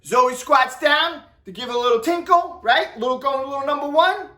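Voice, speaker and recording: A man telling personal stories to viewers in an animated, exaggerated way, with sound effects. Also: very high-pitched, moderate pace. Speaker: storyteller vlogger. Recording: roomy, distant mic.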